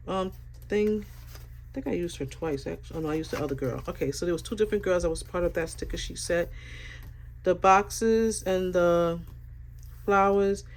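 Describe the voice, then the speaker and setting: A woman planner vlogger with a lowish voice sounds stuffy from a sinus infection as she does a casual planner flip-through. She's relaxed and rambling, with many fillers, and there's slight background noise.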